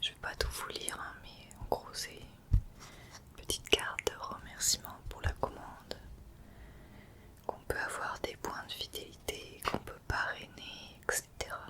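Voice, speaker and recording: A woman hosting an ASMR unboxing, speaking in a whisper and soothingly addressing the listener directly. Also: measured pace. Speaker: ASMR video host.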